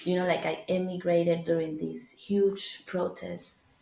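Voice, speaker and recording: A Venezuelan woman speaks English with a Venezuelan Spanish accent in a casual interview, recorded in an echoey room. Her voice is lowish, gravelly and dark, with little pitch movement and an unhurried pace. As a guest she is thoughtful, laughs easily, and often uses fillers and restarts.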